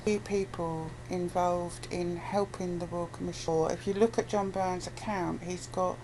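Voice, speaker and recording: A British woman is interviewed in a casual, blunt conversation, swearing now and then. Her voice is lowish and darkish, fairly even in intonation and a little slow. It's a noisy amateur recording with background noise.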